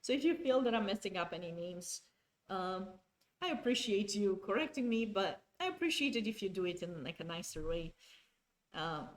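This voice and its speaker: Animated and speaking at a normal pace, a woman with a medium-pitched voice gives live chess commentary while talking to chat. She's from Romania, Romanian is her first language, and she often restarts and corrects her sentences.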